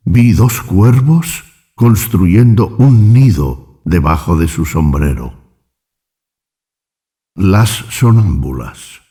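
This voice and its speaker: Male audiobook narrator, deep-ish and mellow, steady measured storytelling. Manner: slow, measured storytelling with quoted dialogue read in his own voice. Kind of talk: scripted narration.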